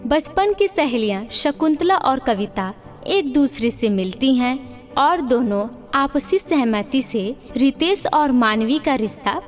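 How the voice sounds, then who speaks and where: Reading from a script, a woman slowly narrates a cartoon story with a moral. She has a very high voice, and background music plays underneath.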